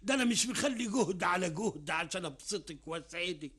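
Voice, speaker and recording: A man's voice: high voice, expressive, quick pace, fairly bright tone, husky, heavily acted. An actor with an Egyptian accent playing Shamis, a rich, devoted husband who pleads with his wife in a radio drama. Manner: pleading, eager, talks over his wife.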